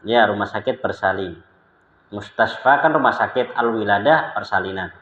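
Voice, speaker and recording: A man from Indonesia teaching Arabic, reading dialogue lines slowly and chatting quickly between them with a laugh. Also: on the low side, a bit bright. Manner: reads Arabic dialogue slowly, then chats fast with laughter. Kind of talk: recorded Arabic lesson with anecdotes. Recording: roomy, echoey, dull lo-fi sound.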